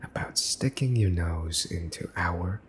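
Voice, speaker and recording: A voice actor plays a mafia boss's son in an ASMR roleplay, his low voice moving a little slowly against some background noise. He's smug, teasing and menacing, using a mocking, theatrical drawl and mock-cute wording.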